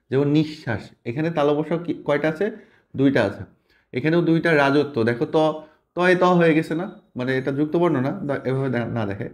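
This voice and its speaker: A man teaching a pronunciation lesson, explaining step by step and asking questions that he answers himself. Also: fairly high pitch. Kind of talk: spoken language lesson.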